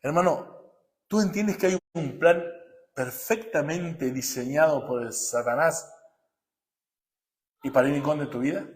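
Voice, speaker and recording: A male pastor, preaching emphatically and questioning his congregation, swinging from loud to hushed. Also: fairly high pitch, a little slow, pauses often. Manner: emphatic preaching, rises and drops sharply, asks the congregation questions. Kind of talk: sermon.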